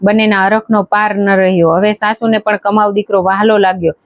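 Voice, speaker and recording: A woman storyteller reading a devotional folk tale in a measured, steady way. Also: mid-range voice, dry recording. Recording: dry, dull lo-fi recording.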